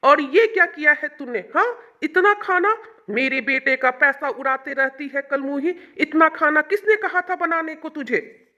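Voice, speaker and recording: A woman's voice: high voice, unhurried, sharp tone, muffled recording. A woman voicing an old, nagging mother-in-law in a cartoon story, scolding and complaining in a bossy manner.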